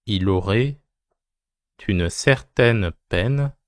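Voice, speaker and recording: A man's voice: fairly low pitch, animated, very slow, no room sound, clean studio sound. A man dictating a text as a teacher, phrase by phrase, repeating each short phrase and speaking the punctuation aloud.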